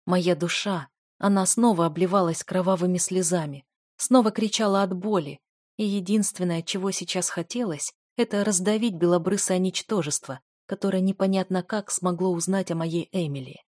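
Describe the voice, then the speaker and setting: A woman's voice: fairly low pitch, moderate pace, darkish tone, dry recording, studio quality. A woman narrating first-person fiction as an audiobook reader, in a dramatic, intense read.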